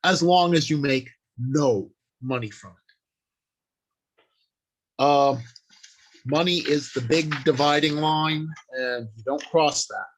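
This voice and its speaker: A man with a somewhat high voice speaks slowly with long pauses, on a poor-quality recording. He's a writer and convention panel speaker giving an informal instructional talk, explaining plainly, emphasizing key points, and partly improvising from notes.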